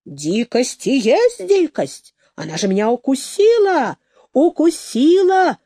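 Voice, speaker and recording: A loud middle-aged woman in the middle of a street quarrel, shrieking accusations and wailing at everyone near her, voiced by a woman reading the tale. Her voice runs high and swings sharply, and the sound is close and dry. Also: big pitch swings, slow pace, dry recording, exaggerated voice. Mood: indignant.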